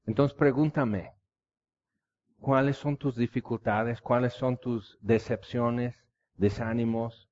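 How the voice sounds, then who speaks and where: Man preaching, warm dull recording. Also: mid-range voice, fairly even intonation, slow pace. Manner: impassioned storytelling preaching. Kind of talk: sermon.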